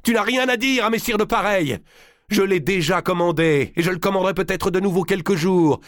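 A man reading aloud and voicing a defiant young noblewoman who shouts high, biting insults with scorn. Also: a little fast, no room sound, studio quality, close to an everyday voice. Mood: scornful.

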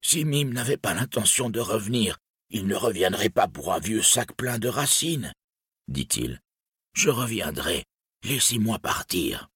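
A pleading old dwarf, fearful and poor, begging in a thin, raised, slow voice, as a man puts him on. The voice stays husky and dry, close to the mic, in a storybook reading. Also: on the low side, sing-song, a bit bright, dry recording, voice pushed up, heavily acted. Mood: wary. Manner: pleading, speaks of himself by name.

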